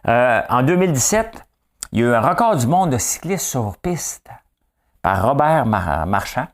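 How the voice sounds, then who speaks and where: A man's voice: mid-range voice, sing-song, unhurried. Chatty Quebec French man hosting. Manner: chatty, folksy, keeps asking "hein?". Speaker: host. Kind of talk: casual news chat.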